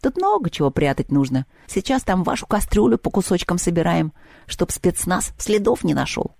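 A narrator voicing a gruff, grumbling male house spirit in a storybook reading, with a mellow, dry sound. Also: medium pitch, big pitch swings, moderate pace, no room sound. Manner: grumbling, matter-of-fact.

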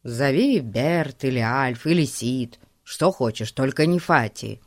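A woman's voice: extremely low pitch, lively intonation, slow pace, no room sound, clean studio sound, pitched below the performer's own voice, exaggerated voice. A woman voicing a clever, confident boy in a storybook who explains his plans with self-assurance.

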